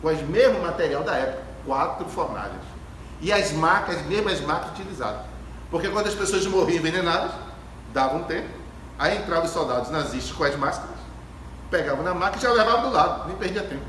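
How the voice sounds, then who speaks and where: A man with a fairly high, slightly bright voice speaks fast and with animation at a Spiritist gathering, giving a reflective spiritual lecture to an audience in an ecumenical hall. He tells stories emphatically, repeating phrases and posing rhetorical questions. A distant phone camera captures him in the echoey hall, with clear background noise.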